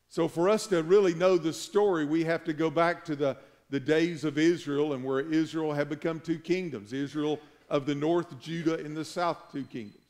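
A middle-aged man preaching a sermon as pastor in a large church sanctuary, earnest and building to emphatic peaks. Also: sits high.

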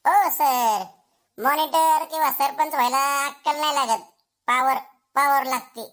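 A woman's voice: high voice, measured pace, a bit bright. Woman playing a cocky village schoolboy. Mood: boastful. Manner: swaggering, boastful, taunting. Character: cocky schoolboy bragging about his power.

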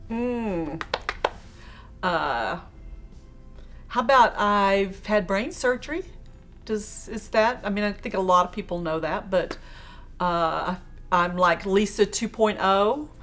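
A middle-aged woman answering interview questions in a relaxed, self-deprecating way with frequent laughs, in a studio. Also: mid-range voice, takes it slowly, pauses often, faint music behind. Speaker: quilting industry guest. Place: studio with quilt backdrop.

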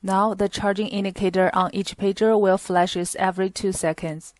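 A woman narrating a scripted product demonstration in a plain, steady reading voice with small grammar slips. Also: medium pitch, normal speed, dry recording. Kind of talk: scripted instructional voice-over.

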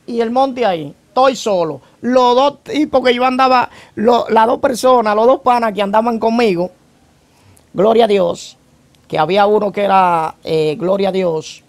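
A man's voice: high-pitched, moderate pace. A man giving a church testimony about his past as a gang member. He tells it vividly, acting out events and breaking in with praise phrases. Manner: vivid storyteller who acts out events and keeps adding praise phrases.

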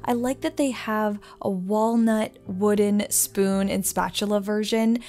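Young woman, mid-pitched, enthusiastic voice-over host with faint music underneath. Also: steady tone, unhurried, darkish tone. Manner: upbeat, enthusiastic product commentary. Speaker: interior designer vlogger. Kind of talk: voice-over shopping narration.

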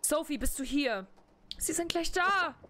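A woman's voice: sits high, lively intonation, measured pace, pushed and bright. A woman streaming a game, translating its lines aloud and reacting bluntly with casual swearing. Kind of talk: live gameplay commentary, translating dialogue.

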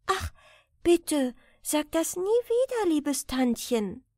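A high, bright-sounding little girl from a storybook, tender and devoted, her voice soft and rising and falling freely, as a woman reads her. She speaks slowly, and the sound is close and dry. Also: animated, creaky, no room sound, full character voice. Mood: pleading. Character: sweet devoted young girl, gentle and loving.

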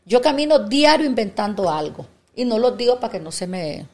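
A woman in her fifties, a businesswoman guest on a podcast, chatting casually and telling animated stories with acted-out dialogue. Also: fairly high pitch, fairly quick. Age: 50s. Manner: animated storytelling, acts out quoted dialogue. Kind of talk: casual interview chat.

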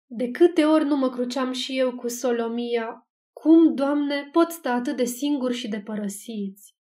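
A fretful townswoman in her sixties frets and complains in an emphatic way. Her voice sits slightly high. A woman narrating an audiobook puts her on with only a light touch. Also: dark tone, natural voice. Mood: fretting. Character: fretful older townswoman, gossipy wife.

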